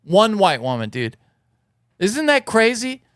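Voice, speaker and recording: A man's voice: high voice, wildly swooping pitch, a little slow, dry recording, clean studio sound. A man co-hosting a podcast, agreeing and bantering with the host. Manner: agreeable, laughing along, sidekick banter. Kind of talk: casual podcast chat.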